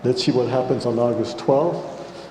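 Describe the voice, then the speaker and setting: A man's voice: mid-range voice, steady tone, normal speed, dark tone. Echoey mature American man on a panel. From United States. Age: middle-aged or older. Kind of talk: unscripted public panel remarks. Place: large reverberant indoor hall. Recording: echoey hall, faint background noise.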